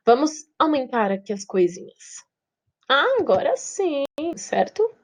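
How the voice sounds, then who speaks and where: A woman's voice: high-pitched, sing-song, unhurried. Brazilian woman teacher, patient and repetitive. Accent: Brazilian Portuguese. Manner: patient, repeats words syllable by syllable, checks in with "ok?". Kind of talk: online class lesson. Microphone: video call setup, her own face on screen.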